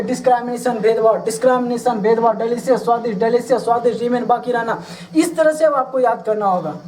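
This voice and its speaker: A woman's voice: a little high, a little mellow, recorded from a distance, poor audio. A woman teaching English vocabulary, spelling each word letter by letter, giving its meaning, and urging listeners to repeat after her. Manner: coaxing, urges listeners to repeat aloud. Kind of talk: spelling and vocabulary drill lesson.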